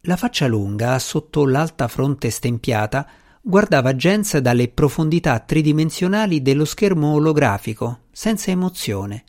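A man reading a novel aloud as narrator in a steady, literary way. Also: on the high side, moderate pace. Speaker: audiobook narrator. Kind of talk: scripted narration.

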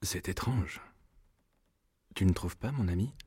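An actor playing a brave young troubadour knight who speaks in a declamatory, courageous way in a storybook recording. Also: male voice, low-pitched, unhurried, dark tone, slightly rough, no echo, clean studio sound, heavily acted. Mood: earnest.

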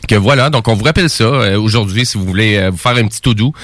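A man's voice: lowish voice, fast talker, fairly bright tone. A man with a Quebec French accent co-hosting a casual radio talk show, explaining at length with many fillers. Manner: rambling, explanatory, heavy with fillers. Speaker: radio co-host. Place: radio studio.

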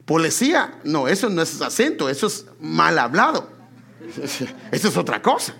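A man preaching a sermon in an animated way, often calling his listeners beloved brother. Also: a little high, measured pace, creaky. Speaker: pastor.

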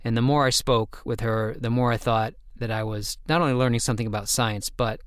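A man's voice: mid-range voice, fairly even intonation, a little fast, a bit bright, clear, resonant tone, no room sound, studio quality. A man hosting a science podcast interview, speaking in a conversational way with frequent restarts. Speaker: podcast host.

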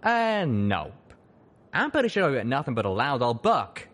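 A man's voice: mid-range voice, huge pitch swings, moderate pace, fairly bright tone, voice pushed up. A man voicing a young male pegasus pony, a folksy wisecracking friend who drawls in slang. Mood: wry.

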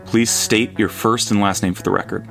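A male actor playing a court clerk who recites formal procedure in a fast, flat, rote manner. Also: on the low side, creaky, over music. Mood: brisk, impassive. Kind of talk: re-enacted court transcript reading.

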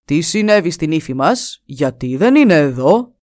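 A woman's voice: low voice, very animated, a little mellow, no room sound, clean studio sound, voice pushed down. A woman voicing a scornful young hunter who scolds his brothers.

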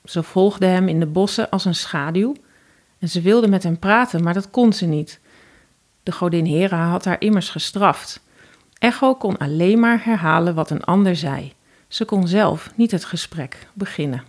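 A woman with a Dutch accent narrating a fairy tale in a calm, even storytelling voice. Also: fairly low pitch.

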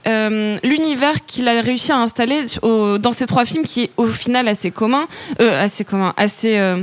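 A woman's voice: a little high, normal speed. A sleep-deprived woman critic giving casual opinions on films in a hesitant, slangy, digressive way. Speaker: film critic on a panel. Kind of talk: casual, opinionated film chat.

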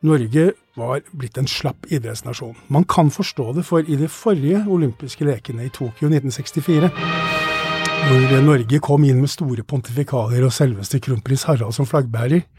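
A man with a dark, slightly husky voice talks as a studio guest, explaining history conversationally. His delivery is halting, and the sound is close and dry. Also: medium pitch, dry recording, faint music behind.

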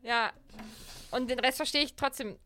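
A woman's voice: high-pitched, moderate pace, bright, forceful tone, slight background noise. A young woman co-hosting a podcast, casually retelling a book chapter with many fillers. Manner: chatty retelling with frequent fillers. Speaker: podcast co-host. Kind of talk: casual book-discussion chat.

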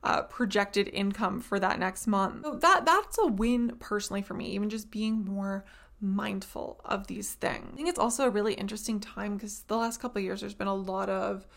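Woman podcast host, casual rambling chat, mid-range voice with gravelly fry. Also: mid-range voice, moderate pace, fairly bright tone. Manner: chatty, rambling, lots of "like".

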